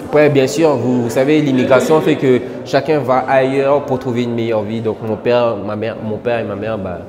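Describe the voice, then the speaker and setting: A man's voice: mid-range voice, fairly even intonation, normal speed, in a large hall, a crowd in the background. A man from French Guiana in a casual interview, earnest, with many filler words and restarts. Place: indoor exhibition gallery.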